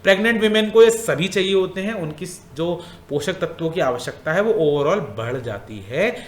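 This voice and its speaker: A man's voice: high-pitched, lively intonation, normal speed, reverberant, slight background noise. A male teacher going through exam questions in a casual way, repeating points and asking the class questions.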